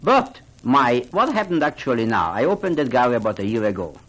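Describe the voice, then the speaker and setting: Fairly quick and medium in pitch, this voice belongs to an older man from Hungary who owns a gallery and collects art. He speaks with earnest animation and non-native wording on the radio, over a poor-quality recording.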